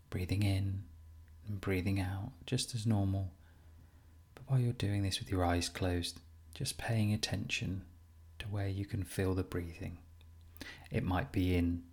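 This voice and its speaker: With a low-pitched voice, a man teaches a guided compassion meditation. He speaks gently and soothingly, taking his time and leaving pauses.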